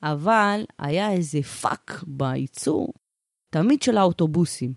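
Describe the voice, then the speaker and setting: A man's voice: on the high side, expressive, creaky, no room sound, studio quality. A man playing a brash, boastful woman bus driver in comic banter, with slangy, emphatic, swaggering talk. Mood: nostalgic, deadpan boasting. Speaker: bus driver character in comedic chat. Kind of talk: improvised comic character banter.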